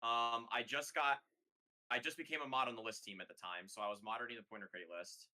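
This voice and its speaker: A man's voice: medium pitch, steady tone, quick pace, pushed and bright, low-quality recording. A young man guest in a casual online chat, telling stories in a laid-back, self-mocking way. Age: young adult.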